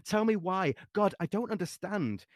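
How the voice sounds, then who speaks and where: A man's voice: high-pitched, expressive, normal speed, dry recording, clean studio sound, voice pushed up. A man voicing a desperate, distraught woman, a movie star pleading and breaking into cracking shrieks, in a dramatic reading of a novel excerpt.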